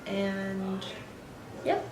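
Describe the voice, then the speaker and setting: A young American woman, the interviewee in a couple's conversation, chats casually about her upbringing with many fillers. Her medium-pitched voice is a little mellow with drawn-out words, and the audio is reverberant with slight background noise.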